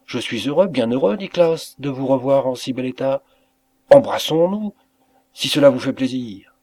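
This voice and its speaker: A man voicing a kindly old bookseller who speaks gently and good-naturedly. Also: mid-range voice, lively intonation, moderate pace, no echo. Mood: warm. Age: older.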